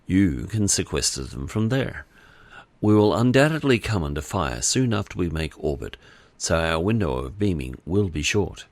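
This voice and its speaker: A man voicing a calm, reserved male Vulcan commander who speaks in a measured, formal way in an audiobook. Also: sits low, dry recording. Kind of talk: audiobook character voice.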